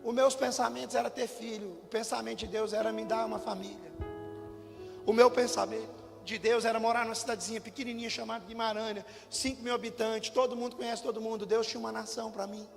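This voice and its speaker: High, gravelly-voiced pastor preaching. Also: male voice, quick pace. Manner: lively storytelling with humor, addresses congregation directly. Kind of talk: sermon. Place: church hall. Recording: church hall reverb with faint music.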